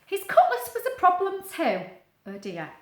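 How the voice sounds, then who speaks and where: With a very high voice and a measured pace, a woman reads a children's story expressively, chatting along the way, explaining vocabulary, and asking the listener questions. The recording sounds roomy.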